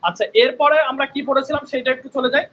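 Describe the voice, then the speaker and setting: In lo-fi sound from a video call headset, a man speaks in an extremely high pitch with a steady tone. He is leading an online spoken English lesson, patiently repeating sounds at a slow pace and checking on his students with "right?"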